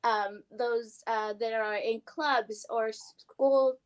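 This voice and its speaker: A young adult woman, an award-winning guest, talking excitedly in a casual interview chat. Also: a little high, drawn-out words, poor audio. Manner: excited, upbeat, talkative.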